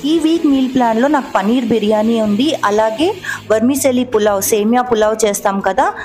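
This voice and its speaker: A woman's voice: a little high, a little fast, a little mellow, soft background music. A woman in her thirties or forties narrating her cooking vlog in a chatty, explanatory way, explaining each step as she goes. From Telugu-speaking India. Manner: chatty, explanatory, mixing English words into Telugu. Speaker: cooking vlogger. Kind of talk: voice-over narration of a cooking video.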